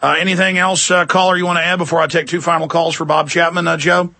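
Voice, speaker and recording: A man hosting a political call-in radio show, ranting in a paranoid, alarmist, emphatic way with a gravelly, raspy voice. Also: fairly high pitch, flat delivery, fast talker, bright, forceful tone, dry recording.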